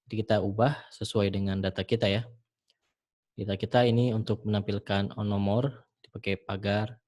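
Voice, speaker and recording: A man teaching programming in a screen-recorded tutorial, talking the viewer through each step in a relaxed way with frequent fillers. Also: fairly low pitch, normal speed. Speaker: programming instructor.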